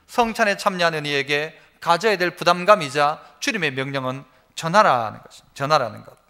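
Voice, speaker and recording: A male pastor with a fairly high, animated, bright, and forceful voice preaches briskly and emphatically at a church service. He tells homely stories to illustrate his point and has the congregation repeat phrases back to him.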